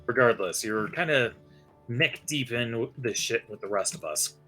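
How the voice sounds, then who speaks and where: A man's voice: mid-range voice, animated, normal speed, sharp tone, low-quality recording. A man playing a tabletop role-playing game, talking casually and bluntly in and out of character. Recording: music under the voice.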